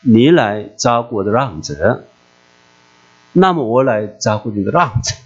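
A man voicing God as a gentle, fatherly figure who coaxes and repeats himself patiently, recorded dull and lo-fi with a mains hum. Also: medium pitch, expressive, measured pace, slightly rough. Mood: coaxing. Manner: coaxing, repeating itself patiently.

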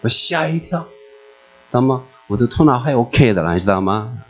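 A man preaching a personal testimony in an emotional, animated way, turning often to ask his listeners questions. His voice sits at an ordinary middle pitch. The recording is dull and lo-fi, with mains hum beneath it. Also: moderate pace.

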